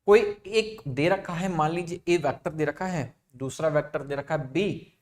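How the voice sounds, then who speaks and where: A man's voice: fairly high pitch, normal speed. A young man teaching a physics class online, mixing Hindi and English and often asking the class questions.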